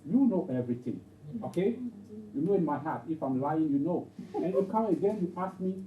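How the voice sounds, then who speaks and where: A man's voice: on the high side, expressive, a little fast, slight background noise, pitched above the performer's own voice, close to an everyday voice. A man acting out an exasperated, pleading disciple. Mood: insistent pleading. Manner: pleading, insistent. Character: exasperated adult male disciple protesting his love. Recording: roomy, distant, dull lo-fi.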